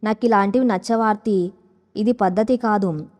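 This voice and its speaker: A woman voicing a stern, controlling young husband who gives orders in a calm, quiet tone. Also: mid-range voice, normal speed, big-room sound, natural voice. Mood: irritated. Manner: quiet commanding tone, never raised.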